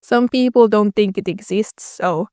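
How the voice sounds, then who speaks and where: In a warm, mid-range voice at a measured pace, a young adult Finnish-native YouTuber from Finland does a casual Q&A voice-over full of dry, self-deprecating jokes. The close mic gives a dry recording.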